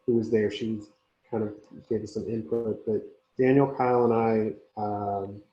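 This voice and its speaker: A man speaking as a community organizer on a conference call whose audio keeps breaking up, talking in a slow, halting way with many pauses. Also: on the low side, flat delivery. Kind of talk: speaking as a guest on a panel. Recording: muffled, echoey conference call line.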